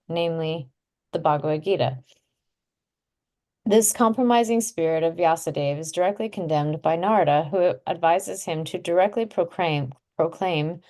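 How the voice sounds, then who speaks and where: Low-voiced woman reading scripture commentary. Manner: steady, measured reading. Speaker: reader in a study group. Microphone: video call.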